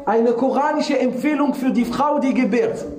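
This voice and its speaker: A woman teaches a religious lesson in a warm, mellow voice, often asking her listeners questions. She switches into quick recitations of Arabic scripture. The room around her is roomy and echoey. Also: high voice, slight background noise. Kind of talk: religious lesson to a small audience.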